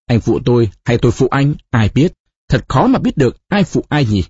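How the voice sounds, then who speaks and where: A husky-voiced man voicing a tearful, bitter young woman who accuses her lover in an audiobook. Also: mid-range voice, very animated, normal speed, no room sound, highs cut off. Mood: bitter scorn. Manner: sobbing, accusing, sharp. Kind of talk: audiobook character reading.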